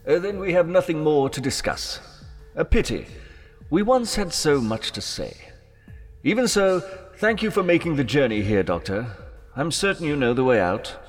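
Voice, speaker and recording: A man's voice: a little high, very animated, normal speed, soft background music. A man playing an imprisoned villainous mastermind in an audio drama, mocking and elaborately courteous. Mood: smooth, persuasive. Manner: theatrical, mock-courteous, elaborately formal.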